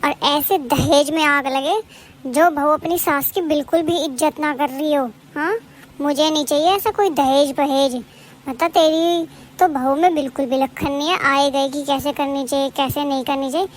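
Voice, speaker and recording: A woman's voice: high-pitched, fairly even intonation, moderate pace, lightly acted. A woman voicing a gossiping middle-aged neighbor aunt in a cartoon, scolding and complaining. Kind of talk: animated cartoon voice acting.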